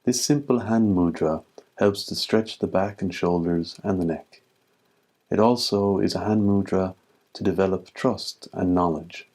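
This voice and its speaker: Deep-voiced and calm, the man guiding this meditation speaks in measured phrases, letting long pauses settle between them.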